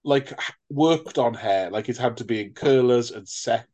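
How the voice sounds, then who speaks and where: A man's voice: mid-range voice, normal speed, darkish tone. A British man riffs through a casual podcast review of a film. He jokes, swears freely and acts out lines from the film with a laugh. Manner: jokey, swears, laughs often, acts out quotes. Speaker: podcast co-host.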